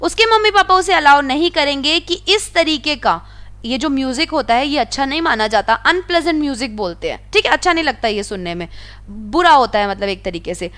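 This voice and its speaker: Woman teacher with a high voice: reads textbook lines slowly, then explains them plainly. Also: expressive, a bit bright. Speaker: English teacher. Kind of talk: explaining a textbook lesson in Hindi.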